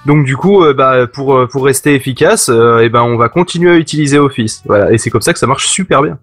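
A man in casual chat, relaxed and halting, with lots of fillers. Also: medium pitch, faint music behind. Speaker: podcast co-host.

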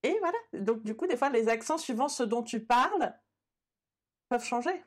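A woman's voice: fairly high pitch, animated, moderate pace. A woman co-hosting a podcast, telling a long anecdote in a chatty way, full of fillers. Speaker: podcast co-host. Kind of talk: casual storytelling.

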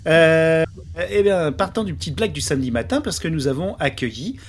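A man's voice: a little high, expressive, a little fast. A man hosting a live podcast event over a voice call, jokey and self-mocking. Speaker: podcast host and jury president. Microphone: voice call over Discord.

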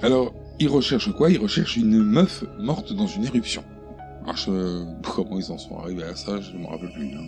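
A man's voice: fairly low pitch, fairly quick, darkish tone, soft background music. A man co-hosting a casual film recap, joking and laid-back. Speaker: podcast co-host.

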